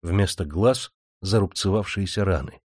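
A man narrating an audiobook in a measured, expressive storytelling manner. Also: low voice, dry recording, clean studio sound.

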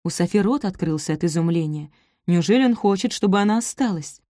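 Woman reading an audiobook, lowish mellow voice, dry close sound. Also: lively intonation, a little fast, dry recording. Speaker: audiobook narrator. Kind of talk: scripted narration.

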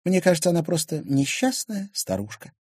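A calm, frank teenage girl, as a man reads her, unbothered and direct. Her voice is lifted slightly above his own and stays soft. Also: fairly high pitch, brisk, breathy edge, no echo, clean studio sound, pitched above the performer's own voice.

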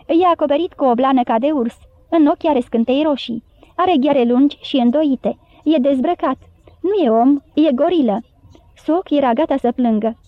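Woman narrator, storybook reading, high voice, thin phone-like sound, dry. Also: no echo. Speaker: audiobook narrator.

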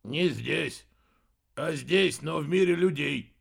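A man voicing a mild, patient wizard who answers calmly and gently contradicts. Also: a little high, takes it slowly, full character voice. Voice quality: gravelly, husky.

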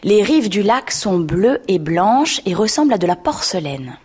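An actress playing Alice, a polite, kind young girl in a radio drama, speaking gently and a little timidly. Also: mid-range voice, very animated, a little slow, slightly rough. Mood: reading aloud.

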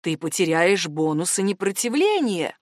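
A woman voicing a calm, persistent male AI assistant who speaks in a measured, soothing way. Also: lowish voice, no room sound, clean studio sound. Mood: calm, insistent.

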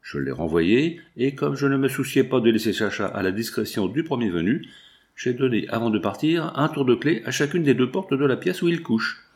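A man voicing a well-meaning gentleman baron who explains himself in a calm, reassuring way. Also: medium pitch, moderate pace, natural voice. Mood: explaining.

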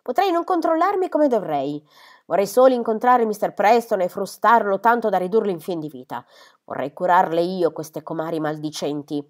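A woman reading the lines of a kindly middle-aged male country doctor who is a protective father, in an earnest, steady way. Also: on the low side, a little fast. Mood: indignant.

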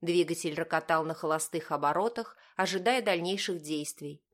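A woman reading a novel as a scripted audiobook narration, in a measured, even way. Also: fairly low pitch.

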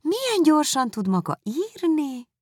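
A woman reading aloud, voicing a fawning young society lady who gushes with flattery. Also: no room sound, studio quality. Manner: fawning, effusive, shrill.

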